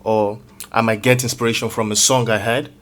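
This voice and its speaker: A man being interviewed as a music producer talks casually, hesitant and searching for words, explaining things in roundabout phrasing. His voice is lowish and a bit bright, with a level tone and a slightly fast pace.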